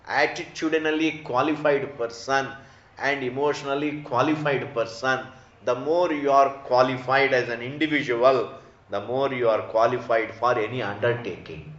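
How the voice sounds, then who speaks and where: Speaking with an Indian accent in a mid-range, fairly bright voice, a man teaches as a spiritual guide in a religious discourse, driving points home with repetition and rhetorical questions. The room echoes and the sound is a bit dull.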